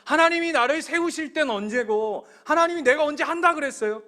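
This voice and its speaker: A man's voice: sits high, expressive, brisk. A man voicing an anguished biblical king who rages and cries out against God in protest. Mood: indignant. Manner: crying out in protest.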